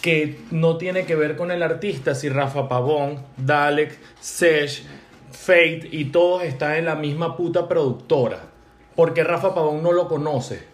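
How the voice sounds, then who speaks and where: A man's voice: a little high, unhurried. A young man with a Venezuelan accent, co-hosting a podcast, arguing insistently with his friends. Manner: argumentative, insistent. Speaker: podcast co-host. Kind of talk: casual banter. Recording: roomy echo.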